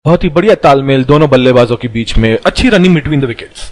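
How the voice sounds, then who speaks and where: A man's voice: medium pitch, expressive, a little fast, no echo, lightly acted. A man doing ball-by-ball cricket commentary, describing the play in short calls.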